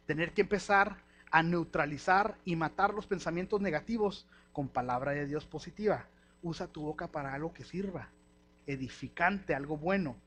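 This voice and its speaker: A middle-aged man with a Mexican Spanish accent, preaching a lively, slangy sermon and acting out the voices he quotes. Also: a little high, moderate pace, a little hiss or hum.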